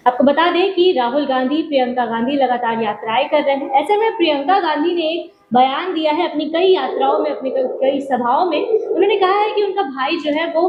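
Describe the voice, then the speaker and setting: A woman anchoring a news interview, asking questions in a brisk, formal way. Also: high-pitched, roomy sound, dull audio, a crowd in the background.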